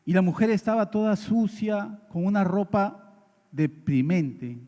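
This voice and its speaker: A man's voice: high-pitched, expressive, a little slow, dark tone. A man preaching a sermon, telling a story earnestly and speaking straight to the congregation. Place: church hall. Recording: long church reverb.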